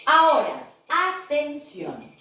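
Slow-spoken teacher woman, echoey room. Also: high voice, huge pitch swings, bright, forceful tone. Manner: slow, drawn-out model phrases mixing Spanish and English. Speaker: English teacher. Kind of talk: video lesson for children. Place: classroom with whiteboard. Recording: very echoey room, far from mic.

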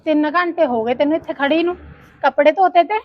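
A high-pitched, scolding village wife with a Punjabi accent, played by a woman. She nags her husband and his sister in a sharp, grumbling tone. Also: fairly quick, dull audio, lightly acted. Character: nagging, jealous village wife, sharp-tongued. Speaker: quarrelsome wife and sister-in-law. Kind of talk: comic family drama acting.

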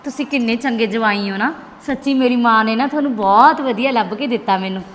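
A woman's voice: on the high side, fairly quick, in a large hall, a little hiss or hum. A woman acting a wife in a family drama, talking sharply and picking quarrels. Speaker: wife and daughter-in-law.

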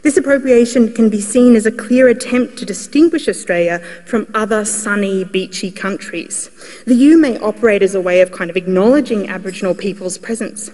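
A woman's voice: mid-range voice, mellow. A woman giving an academic talk at a lectern in a lecture hall.

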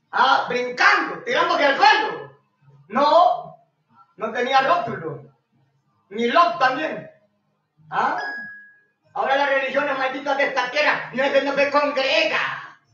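A Honduran man preaching a fiery radio sermon, shouting and scolding, greeting callers between rants. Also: very high voice, expressive, unhurried, long pauses. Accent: Honduran Spanish. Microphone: radio studio microphone. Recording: echoey lo-fi radio broadcast from far off.

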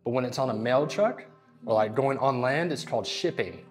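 Man, casual gym chat, jokey, deadpan, faint background music. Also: medium pitch, moderate pace. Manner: joking, goofy, deadpan wordplay.

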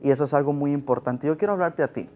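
A man's voice: a little high, fast talker, slight background noise. A young man sharing a personal testimony with earnest, emotional storytelling, then leading a prayer. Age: young adult. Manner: earnest, emotional storytelling, often rising in loudness. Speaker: testimony speaker.

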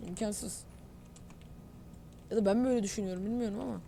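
A woman's voice: medium pitch, fast, creaky, dark tone, a little hiss or hum. A woman giving live gameplay commentary, talking straight to her viewers and ranting in exasperation about a suspected cheater. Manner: talks to viewers directly. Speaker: gamer, channel host.

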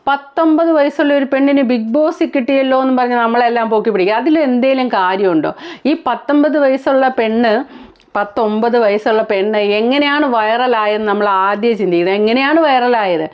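A woman's voice: a little high, brisk, smooth, dull audio. A woman from Kerala giving blunt, critical reality-show commentary as a vlogger, full of rhetorical questions.

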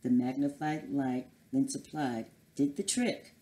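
A woman reads a picture book aloud to children, slow and unhurried. Her voice sits very low, and she puts on voices for the animals. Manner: lively storybook reading with character voices. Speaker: guest reader.

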